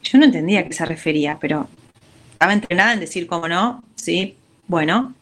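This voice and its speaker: A woman's voice: on the low side, brisk. A woman with an Argentine accent, telling a story in a casual interview and acting out what people said. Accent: Argentine Spanish. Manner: animated, acts out quotes. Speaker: guest.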